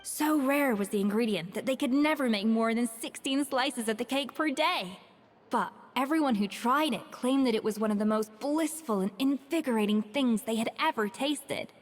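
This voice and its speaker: Brief: actress as a poised chef, cool and exact, fairly high voice, game dialogue with reverb. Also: female voice, lightly acted. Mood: explaining. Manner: measured, dry, lightly disdainful. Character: composed woman head chef, precise and frank. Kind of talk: video game voice acting. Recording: reverberant game audio with soft music.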